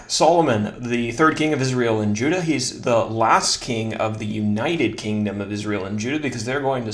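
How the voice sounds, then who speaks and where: A man giving a casual Bible study lesson in a relaxed, self-deprecating way, joking about his own slips. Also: lowish voice. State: slightly out of breath.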